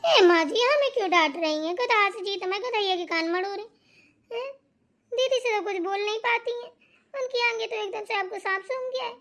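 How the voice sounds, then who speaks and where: A woman's voice: extremely high pitch, normal speed, a bit bright. A woman voicing a scheming young daughter-in-law in a cartoon comedy, fake-sweet to her mother-in-law and gloating in her asides. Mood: whiny.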